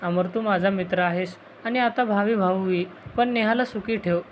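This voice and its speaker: A forceful young man guarding his younger sister, as a woman storyteller reads his lines. His words come out shaken and firm in an audio story. A faint hiss sits behind him. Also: mid-range voice, moderate pace, natural voice. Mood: earnest. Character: young man, protective older brother.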